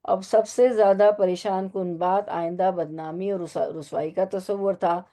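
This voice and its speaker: A woman with a low, mellow voice teaches a Quran lesson to women. She explains Arabic words slowly and stops to ask her listeners questions. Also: steady tone.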